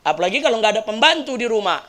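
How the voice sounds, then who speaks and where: A man preaching a sermon, telling lively stories with jokes and questions to the audience. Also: sits high, very fast.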